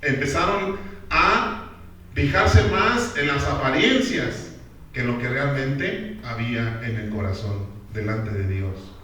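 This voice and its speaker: A man's voice: mid-range voice, animated, takes it slowly, pushed and bright, slight background noise. A man preaching a sermon as a pastor, emphatic and often putting questions straight to the congregation. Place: church hall. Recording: very echoey church hall from far off.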